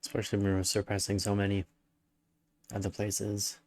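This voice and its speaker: Low-voiced man streaming a strategy game. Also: monotone, normal speed, darkish tone. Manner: musing, thinking aloud with murmured hmms. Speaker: gaming streamer. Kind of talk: casual live-stream commentary while playing a strategy game.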